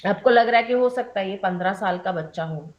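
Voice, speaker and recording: A woman's voice: medium pitch, brisk, dull audio. A young adult woman leading a training session, explaining rules step by step, mixing English terms into her Hindi and checking often that the trainees follow.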